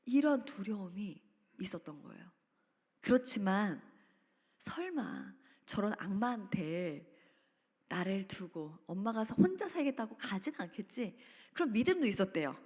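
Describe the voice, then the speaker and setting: A woman speaks at a church family seminar and tells a story with great drama, acting out the voices of the people in it. Her voice is husky and moves widely up and down. It echoes through a large retreat hall. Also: animated, unhurried, darkish tone. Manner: dramatic, acts out quotes with sudden pitch leaps. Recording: reverberant hall.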